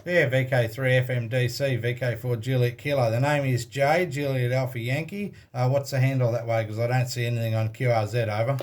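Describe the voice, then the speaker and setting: An Australian amateur radio operator makes contact with another station, chatting casually and matter-of-factly with call signs. His voice is medium-pitched with fairly even intonation, and he talks fairly quickly with few pauses.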